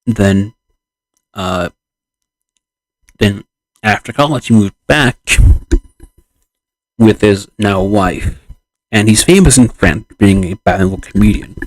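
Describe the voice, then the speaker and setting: A man streaming, chatting casually and explaining things in an unhurried way. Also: fairly low pitch, no echo, poor audio. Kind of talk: casual chat.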